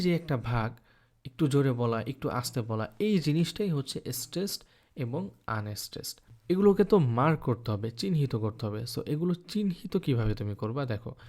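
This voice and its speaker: Explaining scansion for an online course, this English teacher works through the poetry methodically, often asking a question and then supplying the answer. He slows down to break words into syllables, speaking at medium pitch with a darkish tone.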